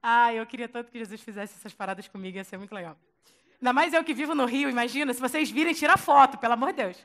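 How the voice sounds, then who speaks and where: Bright, high-voiced Brazilian woman preacher. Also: lively intonation, very fast. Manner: playful, slangy, acts out scenes. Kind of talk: lively storytelling sermon.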